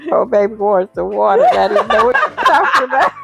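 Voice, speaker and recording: An older woman, a grandmother slowly telling a family story in casual chat. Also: medium pitch, sing-song, gravelly, fairly bright tone, slightly rough, rough recording. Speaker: grandmother guest.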